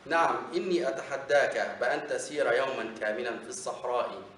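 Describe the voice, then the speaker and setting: A man voicing a wise, sarcastic male camel in a children's story, reading calmly. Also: mid-range voice, brisk, lightly acted. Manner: calm, mocking storybook voice. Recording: echoey room, distant mic, faint noise.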